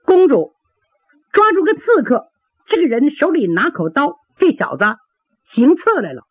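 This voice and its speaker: A woman voicing a sharp-tongued young palace maid who bosses a captive around. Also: wildly swooping pitch, normal speed, dry recording. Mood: alarmed. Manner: shrill, bossy. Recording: dry, tinny phone-like sound.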